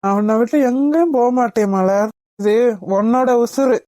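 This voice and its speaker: A romantic young husband from a cartoon, voiced by a woman, coaxing his wife and teasing her. The voice is mellow and sits fairly high. The sound is dry. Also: normal speed, dry recording, natural voice. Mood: soothing. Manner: coaxing, joking.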